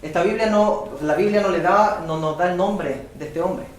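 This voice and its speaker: A man interpreting a sermon live, talking quickly and restarting phrases as he goes. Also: sits high, slight background noise. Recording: very echoey church hall.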